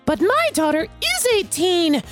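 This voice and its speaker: A woman's voice: very high voice, big pitch swings, measured pace, faint music behind, voice pushed up, heavily acted. A woman voicing an indignant, entitled middle-aged mother who screeches at a store clerk.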